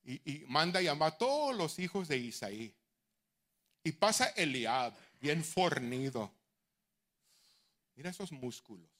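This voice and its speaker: A middle-aged man preaching as a bishop, dropping to near-whispers and then rising to shouted exhortation, with English phrases mixed in. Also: fairly high pitch, very animated, takes it slowly, pauses often. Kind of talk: sermon.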